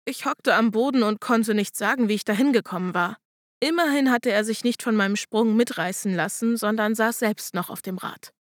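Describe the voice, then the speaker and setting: A woman narrating a first-person audiobook in a steady, measured reading voice. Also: on the high side, no room sound, studio quality.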